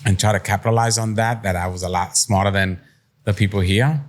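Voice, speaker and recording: A middle-aged Puerto Rican entrepreneur appears as a podcast guest, talking briskly in a lowish voice. Plain-spoken, streetwise and reflective, he tells personal stories in a candid, conversational interview.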